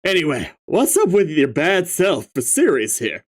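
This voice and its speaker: A webcomic reading features a young male stoner clown troll, voiced at medium pitch and normal speed with wildly swooping intonation. The character drawls in a slurred, clownish way, curses lazily, and marvels at everything in a tone of lazy awe.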